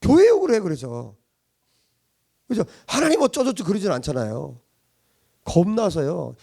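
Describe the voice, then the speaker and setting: A man preaching a sermon to a congregation as their pastor, asking rhetorical questions and swinging between loud and hushed delivery. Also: high-pitched, wildly swooping pitch, normal speed, gravelly, husky. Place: church congregation.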